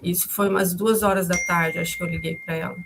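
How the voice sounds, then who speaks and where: A woman's voice: fairly low pitch, steady tone, quick pace, vocal fry, background noise. A woman in her fifties, the mother of the victim, recounting events in a testimony. She speaks hesitantly, repeats herself and restarts often, and calls her own way of talking harsh.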